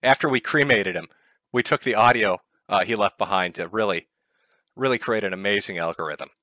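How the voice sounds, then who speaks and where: A man faking a deep pitch-shifted voice changer. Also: a little fast, sharp tone, no echo. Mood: deadpan. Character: a pretend woman streamer speaking through a deepening voice changer. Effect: deep pitch-shifted voice, as if through a voice changer. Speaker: livestream host. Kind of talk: joking livestream bit.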